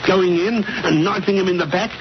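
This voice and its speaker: An actor playing a stubborn, cocksure English police inspector in a 1940s radio drama, with a blunt, officious, colloquial manner. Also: male voice, high-pitched, normal speed. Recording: muffled, noisy old-time radio recording.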